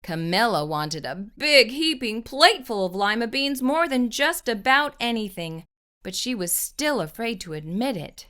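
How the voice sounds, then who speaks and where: A woman narrating a children's storybook expressively, with deliberate, dramatic pauses. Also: fairly high pitch, expressive, a bit bright. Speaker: children's storytime host reading aloud.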